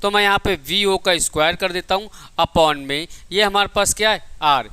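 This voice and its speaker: At a moderate pace and in a high, pushed, bright voice, a male physics teacher runs an exam coaching lecture full of derivations, repeated key points and self-answered questions. He affectionately calls his students "child." The tone is clean, with no room sound.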